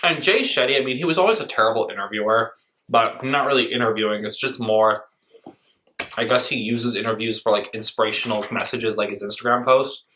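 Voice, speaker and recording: A man's voice: medium pitch, fairly quick, bright, forceful tone, a little hiss or hum. A man giving casual reaction commentary on a clip, blunt and sarcastic, mocking what he hears. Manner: talks with his mouth full.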